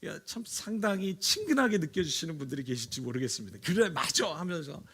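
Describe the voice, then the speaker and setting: A male pastor preaching a sermon in Korean, telling a story with lively acted-out quotes and frequent hesitant fillers. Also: a little high, fast talker, breathy edge. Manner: animated storytelling, acts out quoted lines in raised voice.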